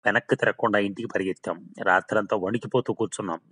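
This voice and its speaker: A man's voice: lowish voice, steady tone, quick pace, bright, forceful tone, husky. A man voicing the ghost of a hard-drinking male laborer who keeps swearing his tale is true, in a storybook reading. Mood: recounting.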